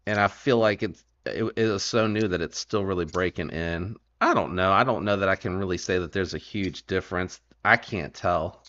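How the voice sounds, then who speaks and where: A man with a drawl chats casually as the host of a home livestream. His voice sits low, and he rambles, trailing off and starting over. The sound is muffled and lo-fi, like audio from a stream. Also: normal speed, hardly any pauses, sharp tone. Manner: rambling, self-correcting and easygoing. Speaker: knife channel host.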